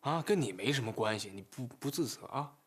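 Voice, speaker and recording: Man, hesitant doctor son in a TV drama, husky, varied pitch. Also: lively intonation, brisk. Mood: sheepish. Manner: hesitant, placating. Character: sheepish doctor son placating his father. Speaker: son, obstetrician.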